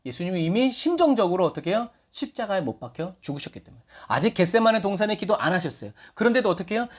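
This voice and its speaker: Pastor, male, mid-high voice with big swings in pitch; preaches to the congregation, asks questions and acts out quotes. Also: slightly rough. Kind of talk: sermon.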